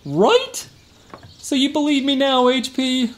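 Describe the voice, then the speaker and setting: With a very high, very animated voice at a slow pace, a man heavily acts the role of a boastful, evasive tough-guy security guard in a comic radio drama. The character is a fibbing male cousin who talks folksy and slangy and exaggerates, earnest and indignant in mood.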